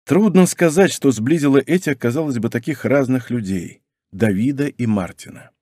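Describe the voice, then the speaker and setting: A man narrating an audiobook in a steady, even reading voice. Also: medium pitch, moderate pace, no echo, clean studio sound.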